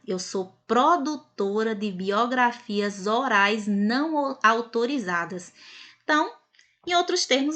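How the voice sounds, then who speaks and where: A woman's voice: a little high, a bit bright. A woman teaching a recorded grammar lesson, explaining step by step and ending points with tag questions.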